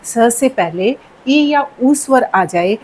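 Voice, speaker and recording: A woman explains grammar rules at a very slow, deliberate pace, in a fairly high voice. She repeats each key word and keeps checking that the listener follows. A faint hiss of background noise sits under her voice. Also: animated, darkish tone, rough recording. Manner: patient, repeats key words and checks in with "theek hai". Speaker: Hindi grammar teacher.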